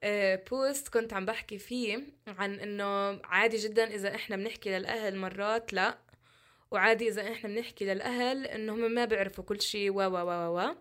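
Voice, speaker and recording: A woman's voice: medium pitch, steady tone, quick pace, fairly bright tone. A woman, speaking as an interview guest in a passionate, emphatic way full of rhetorical questions. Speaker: guest, social media content creator. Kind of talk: candid interview talk.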